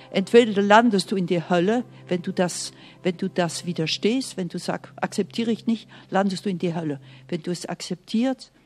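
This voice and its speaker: A woman preaching a sermon in an earnest, emphatic way, sometimes dropping to soft, hushed asides and speaking straight to the listener. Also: mid-range voice. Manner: speaks directly to the listener, often asking "Okay?".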